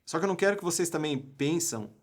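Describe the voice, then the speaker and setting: A man's voice: a little high, lively intonation, fast. A young Brazilian man, an English teacher and coach, giving a live online class in an emphatic way and often asking his viewers rhetorical questions.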